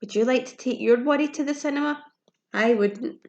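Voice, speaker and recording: Here her high voice is brisk and gravelly, and the top frequencies are cut off. She still reads the storybook teacher-style, simple and expressive, gasping and asking her young audience questions, all in an echoey room.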